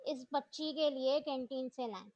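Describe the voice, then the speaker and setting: A calm, kind male college teacher, voiced by a woman narrator, asking mild and friendly questions. The voice stays fairly high. The recording is dull and very dry. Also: moderate pace, dry recording.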